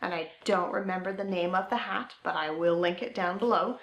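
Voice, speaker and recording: A woman's voice: lowish voice, a little fast, a bit bright. A woman hosting a knitting podcast, chatting casually and eagerly as she shows her things, with fillers and trailing thoughts. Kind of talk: casual show-and-tell chat. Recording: roomy echo.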